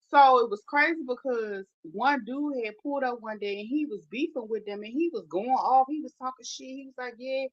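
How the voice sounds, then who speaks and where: A woman telling a story in casual, animated chat, emphatic and swearing freely. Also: a little high. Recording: dull lo-fi sound.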